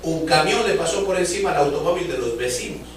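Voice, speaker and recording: A man with a fairly high voice delivers a fervent sermon, stretching out key phrases and speaking straight to the congregation. The sound comes from well back in the room and rings with heavy church echo. A faint hiss sits under it all. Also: lively intonation. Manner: fervent, drawn-out emphatic phrases, addresses the congregation directly. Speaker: preacher. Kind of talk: sermon storytelling. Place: church sanctuary. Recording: echoey church hall from far off.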